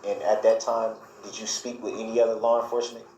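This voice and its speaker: A man questioning a witness in a courtroom cross examination, speaking formally and haltingly. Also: on the low side, little pitch movement, warm tone. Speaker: defendant questioning a witness as his own lawyer. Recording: echoey courtroom with faint noise.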